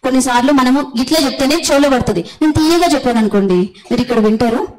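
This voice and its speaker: A woman preaching a sermon. Her voice sits a little high. She speaks bluntly and forcefully, stressing her points with repeated hallelujahs. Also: fast, low-quality recording.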